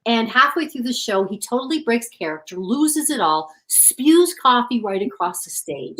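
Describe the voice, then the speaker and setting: Earnest woman with a higher voice. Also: expressive, normal speed, a bit bright, poor audio. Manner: earnest, reflective storytelling. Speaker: author and guest. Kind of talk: interview conversation.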